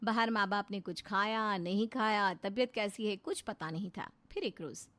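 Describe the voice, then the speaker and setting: A woman narrating a family cartoon story in an expressive, dramatic storytelling manner. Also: mid-range voice, moderate pace, no room sound.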